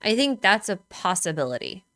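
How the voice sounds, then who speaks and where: A woman's voice: mid-range voice, very animated, moderate pace, a bit bright, no echo. Chatty woman streamer, filler-heavy. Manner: chatty and speculative, with many "like" fillers. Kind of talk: casual chat.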